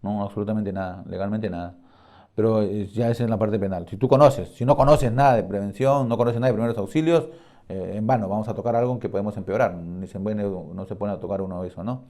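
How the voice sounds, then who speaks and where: Mellow-voiced male safety instructor. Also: fairly low pitch, fast. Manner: conversational, with fillers and checking questions. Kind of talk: recorded lecture and storytelling.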